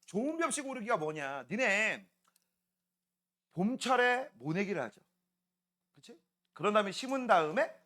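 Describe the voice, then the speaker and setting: A middle-aged male science teacher lectures with a high, bright voice that climbs and dips all the time. He talks in a chatty way and throws out quick questions that he answers himself. Now and then he acts out playful voices in his jokes. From Korea. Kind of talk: classroom lecture.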